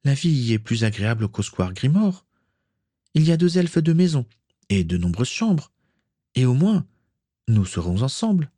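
A man's voice: fairly high pitch, expressive, a little slow, warm tone, husky, no echo, voice pushed up. A man voicing an anxious young woman pleading with her father in a storybook reading.

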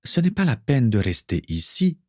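A man's voice: mid-range voice, big pitch swings, moderate pace, mellow, no echo, clean studio sound, pitched above the performer's own voice. A man voicing a caring, teasing Russian woman who cooks aboard a ship, in a read-aloud story. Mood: gentle.

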